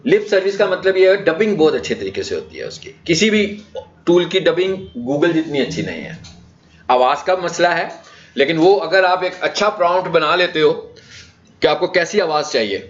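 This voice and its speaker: Very animated and speaking at a normal pace, this Pakistani-accented digital marketing trainer has a slightly high voice. His orientation-session lecture is casual and conversational, full of explanations and rhetorical check-ins, though the audio sounds dull and lo-fi.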